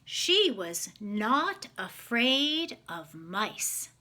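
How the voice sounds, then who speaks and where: With drawn-out words and a bright, forceful tone, a woman reads a picture book to children in a very animated way, her voice on the high side. She pauses along the way to ask them simple questions.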